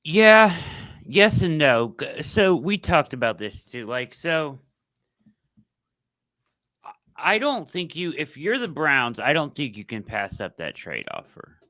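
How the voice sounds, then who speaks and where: A man co-hosting a casual sports debate, speaking haltingly and with effort through a swollen, sore mouth after dental work. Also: medium pitch, big pitch swings, bright, forceful tone, no room sound. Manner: halting, fumbling through words. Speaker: sports talk show co-host.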